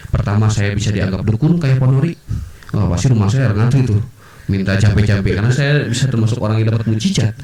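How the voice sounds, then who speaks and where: A man as a podcast guest, telling personal stories in an animated way and acting out the voices of others. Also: lowish voice, brisk. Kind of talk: personal storytelling in a podcast interview. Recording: roomy, distant mic.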